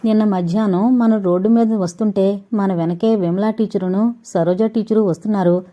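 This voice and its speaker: A woman's voice: medium pitch, warm tone, lightly acted. A woman voicing a timid young woman with a fiery temper.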